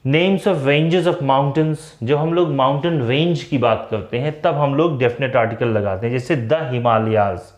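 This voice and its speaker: A man with a Hindi accent teaching English grammar in a classroom-style lecture, mixing Hindi and English and slowing down to spell out the English example phrases. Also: medium pitch, a little mellow. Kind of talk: classroom lecture for exam students. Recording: echoey room.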